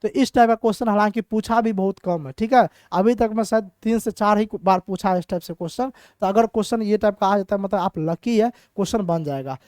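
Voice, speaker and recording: Young man, exam tutor, chatty rhetorical questions, smooth voice, dry close sound. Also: high voice, fairly quick, hardly any pauses, a little mellow, no room sound. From Bihar, India. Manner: chatty, asks rhetorical questions and answers himself. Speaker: teacher. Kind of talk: exam-prep reasoning lesson.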